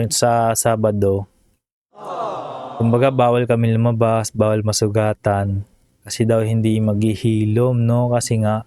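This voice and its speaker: Smooth, flat-voiced man chatting over a video. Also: mid-range voice, dry recording. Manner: chatty, emotional, keeps tagging phrases with a questioning "no?". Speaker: vlogger. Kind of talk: casual reaction commentary.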